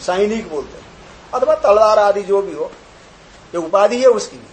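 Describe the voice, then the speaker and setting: An older man, a swami, giving a spiritual discourse on scripture, chanting verses slowly, then explaining them with rhetorical questions and examples. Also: high-pitched, expressive, slight background noise, rough recording.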